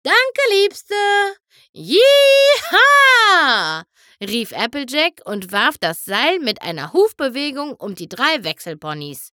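A woman reads a children's story aloud with animated expression. Her fairly high voice rises and falls with lively movement. She reads at an unhurried pace, and the sound is close and dry. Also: no echo.

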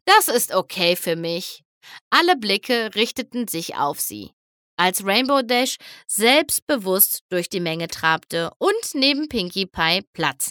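A woman reading a children's storybook aloud in an unhurried, expressive way. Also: mid-range voice, dry recording, clean studio sound. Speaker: storybook reader.

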